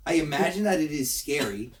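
Fast-talking male podcast host. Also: on the high side, animated, recorded from a distance. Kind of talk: casual interview chat.

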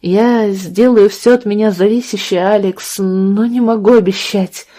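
A strained but gentle mother who soothes in a soft, quiet voice, as a woman reads her in an audiobook. Her tone is mellow and unhurried. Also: mid-range voice, steady tone, natural voice. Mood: tender.

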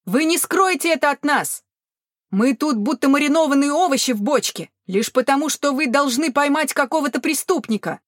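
A woman voicing an angry man who yells at the guards from a crowd. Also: expressive, normal speed, dry recording, clean studio sound. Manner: high angry yelling.

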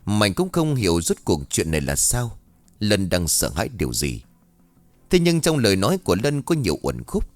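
A man narrating a ghost story audiobook in an expressive storytelling manner. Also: lowish voice, moderate pace, no room sound.

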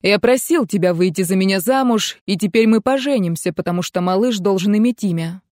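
Woman voicing a hot-tempered male laird, loud and commanding, dry audiobook sound. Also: medium pitch, brisk, no echo, natural voice. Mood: angry. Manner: forceful, raised, commanding. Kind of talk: audiobook character reading.

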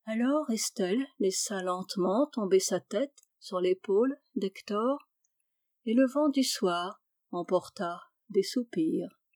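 A woman reading a classic story aloud in measured, descriptive narration. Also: mid-range voice, a little mellow, dry recording, studio quality. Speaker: reader.

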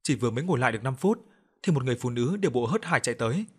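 A man narrating a story in the first person, with a somber, measured reading and acted dialogue. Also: mid-range voice, lively intonation, slightly rough.

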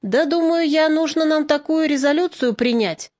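A woman reading an audiobook, voicing a calm male partisan commander who speaks in a measured, persuasive way. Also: high voice, dry recording, voice pushed up, close to an everyday voice.

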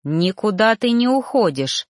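A woman's voice: medium pitch, animated, measured pace, no echo, clean studio sound, close to an everyday voice. A woman doing an insistent lovesick male reaper. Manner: growling, insistent.

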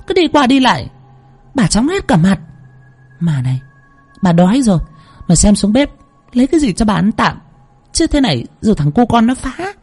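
A man's voice: high voice, sing-song, moderate pace, long pauses, a little mellow, breathy edge, soft background music, voice pushed up, full character voice. A man voicing an irritable old mistress giving clipped, grumbling orders.

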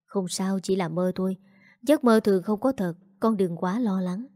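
A woman reading the lines of a gentle middle-aged father who speaks softly to calm his daughter. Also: medium pitch, moderate pace, no room sound, studio quality, lightly acted. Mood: soothing. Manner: soft, soothing.

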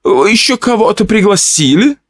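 A man voicing a fussy, flirtatious middle-aged noblewoman in a horror audiobook, with a playful, excitable manner. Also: high-pitched, moderate pace, dry recording, pitched above the performer's own voice, exaggerated voice.

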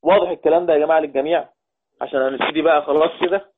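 An Egyptian man gives a lesson, going back over each point and checking that his students follow. His voice sits a little high for a man. The sound is thin and narrow, like a phone line. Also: steady tone, background noise. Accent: Egyptian Arabic. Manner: repeats points slowly, quizzes the class. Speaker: Quran recitation teacher. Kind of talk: classroom lesson. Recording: tinny phone-like audio.

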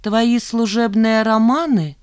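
A woman's voice: a little high, big pitch swings, measured pace, darkish tone, no echo, clean studio sound, pitched above the performer's own voice. A woman voicing a cold, haughty female chief accountant who speaks in a cutting tone. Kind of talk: audiobook character voice.

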